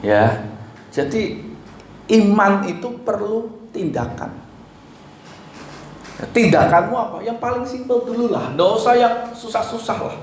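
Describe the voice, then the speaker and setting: A man's voice: sits high, animated, measured pace, long pauses. Pastor, male, emphatic sermon delivery, faint hiss in the background. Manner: exhorting, pleading and emphatic, swinging between loud and soft. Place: church hall. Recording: echoey church hall with faint noise.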